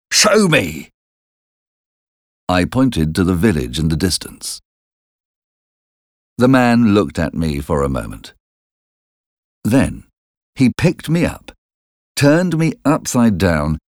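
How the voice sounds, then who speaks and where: A man reading a story aloud in a slow, deliberate way, close to the mic. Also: low-pitched, sing-song, a little mellow, no echo. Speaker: audiobook reader. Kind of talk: storybook narration.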